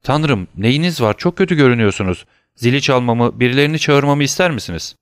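A man's voice: medium pitch, animated, fast, clean tone, no room sound, studio quality, pitched above the performer's own voice, close to an everyday voice. A man voicing an earnest, anxious young male sailor being questioned, speaking in a pleading, eager-to-please way.

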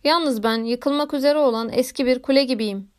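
A woman's voice: sits high, normal speed, smooth, close to an everyday voice. Female reader voicing a cranky aging nobleman, blunt complaints, storybook audiobook. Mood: grumbling. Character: gruff aging nobleman, quick to grumble. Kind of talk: audiobook reading.

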